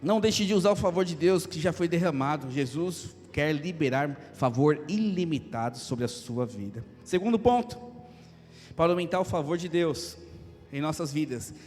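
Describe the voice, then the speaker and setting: A Brazilian man in his thirties, a pastor preaching a lively sermon with jokes and acted asides. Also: a little high, moderate pace. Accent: Brazilian Portuguese. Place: church hall. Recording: long hall reverb, faint music.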